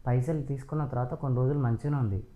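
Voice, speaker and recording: A man's voice: mid-range voice, fairly even intonation, rapid-fire, narrow, tinny audio. A man, arguing insistently with his wife and raising his voice in a staged family quarrel. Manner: accusing, insistent, raises voice. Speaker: husband.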